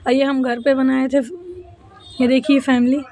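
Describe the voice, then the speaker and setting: A woman's voice: high-pitched, little pitch movement, normal speed, a little mellow. A woman in her thirties narrating a casual home vlog, chatting with viewers as friends while she cooks and her family plays. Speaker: family vlogger.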